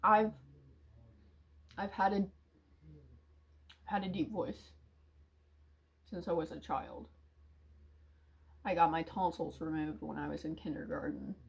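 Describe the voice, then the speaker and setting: A YouTuber speaks in a creaky, breathy voice through an emotional confessional, hesitating and restarting with many sighs. Sometimes she trails off into a low, hushed mumble.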